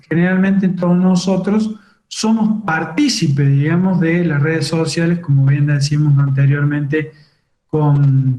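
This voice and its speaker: High-voiced man lecturing online. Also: a little mellow. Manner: explanatory, many fillers like "digamos" and "fíjense". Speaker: webinar instructor on cybercrime. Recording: roomy echo.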